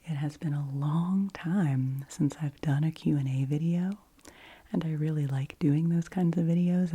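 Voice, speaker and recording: A woman speaks in a low, hushed ASMR style, somewhere between soft speech and a whisper. Her voice is very mellow and breathy, with little edge to it. She rambles gently, as an ASMR host giving a channel update. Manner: rambly, gentle repetition of phrases when whispering.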